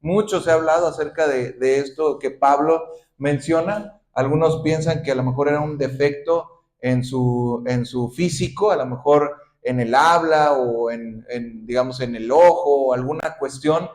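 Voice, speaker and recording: A man's voice: mid-range voice, normal speed, darkish tone, reverberant. A male pastor giving a sermon, asking the congregation questions and acting out heartfelt prayers with rising intensity. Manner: preaches with rhetorical questions and impassioned acted-out prayers.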